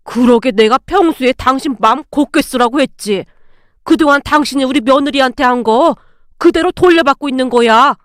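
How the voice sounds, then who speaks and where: Woman doing a gruff scolding father-in-law. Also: high-pitched, moderate pace, no room sound, clean studio sound, natural voice. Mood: reproachful. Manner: blunt, reproachful.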